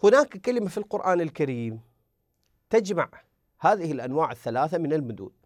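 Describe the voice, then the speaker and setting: A man's voice: fairly high pitch, expressive, fast, a little mellow, no echo, studio quality. A man teaching a tajweed lesson who speaks patiently, repeats words and drills the examples aloud. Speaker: Quran recitation teacher.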